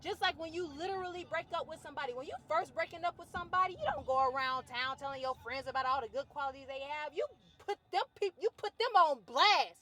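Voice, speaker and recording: A fitness trainer and vlogger, a woman ranting to camera in a colloquial, outspoken way, swinging between loud outbursts and low, quiet musing. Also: fast talker, few pauses. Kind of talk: personal rant to camera.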